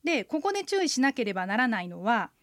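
A woman co-hosting a radio language lesson, explaining pronunciation clearly. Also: on the high side, big pitch swings, quick pace, fairly bright tone, no room sound, clean studio sound.

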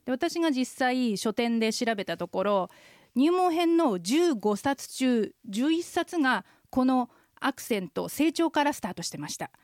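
A middle-aged woman co-hosting a radio language lesson, explaining in a clear, steady teacherly way. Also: fairly high pitch, no room sound, clean studio sound.

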